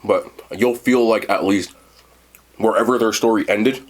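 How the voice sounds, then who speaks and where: A man's voice: fairly low pitch, unhurried. A man giving a casual, unscripted food and movie review, rambling and blunt, with slangy phrasing and casual swearing.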